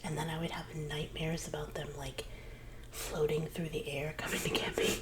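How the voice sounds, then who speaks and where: A woman's voice: level tone, normal speed. Whispering woman in a chatty role-play, noisy recording. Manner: soft whispering with occasional low murmured words. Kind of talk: whispered role-play, one side of a casual chat.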